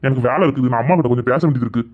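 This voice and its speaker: A stern scolding village husband. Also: female voice, a bass voice, racing, pitched below the performer's own voice. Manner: scolding, reproachful. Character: stern middle-aged village husband scolding his wife. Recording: tinny phone-like audio.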